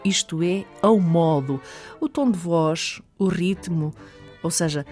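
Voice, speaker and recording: A woman's voice: lowish voice, slow pace, darkish tone, faint music behind. A woman host with a European Portuguese accent reading a scripted recap. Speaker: radio host.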